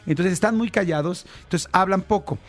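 High-voiced man giving advice. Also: brisk. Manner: conversational, addresses listeners directly with frequent tag questions. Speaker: parenting advice speaker. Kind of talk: casual advice talk.

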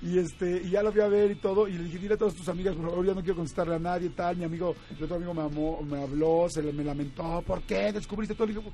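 Animated Mexican man telling a story. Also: high voice, quick pace, few pauses. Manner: animated, laughs often, acts out quoted voices. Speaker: guest. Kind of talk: casual storytelling.

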